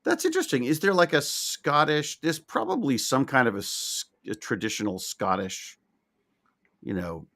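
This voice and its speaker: A man's voice: medium pitch, very animated, normal speed, fairly bright tone. A man co-hosting a casual chat, teasing his co-host and hedging his points. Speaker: podcast co-host. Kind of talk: casual banter.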